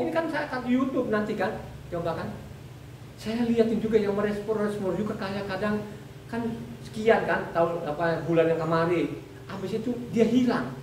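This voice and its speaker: Woman preacher, conversational and repetitive, somewhat high voice, distant mic in an echoey room. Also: darkish tone, slight background noise. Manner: repetitive, addresses the congregation as "saudara". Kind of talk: sermon.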